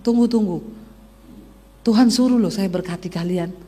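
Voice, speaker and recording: A man's voice: sits high, normal speed, mellow, big-room sound, pitched below the performer's own voice. A woman preacher quoting a generous, insistent rich businessman who keeps telling the listener to wait. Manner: insistent, repeats "tunggu, tunggu".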